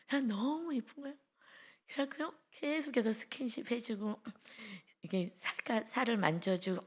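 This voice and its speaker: A woman preaching a dawn devotional sermon in an animated storytelling manner. She acts out small scenes as she goes. She drops to a soft, tender voice for gentle moments and rises loud and fervent when she exhorts. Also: medium pitch.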